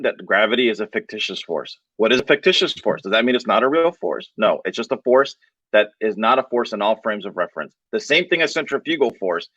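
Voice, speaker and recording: A man in a heated online debate, explaining his point at a quick clip. His dry voice comes through a dull, lo-fi mic. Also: mid-range voice, a bit bright, no room sound. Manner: explanatory, lecturing.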